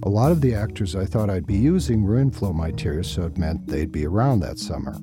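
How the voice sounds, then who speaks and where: Male host, scripted podcast narration. Low-pitched, expressive, wry and self-deprecating, over a music bed. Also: brisk. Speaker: podcast host and series writer-producer. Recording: music behind the voice.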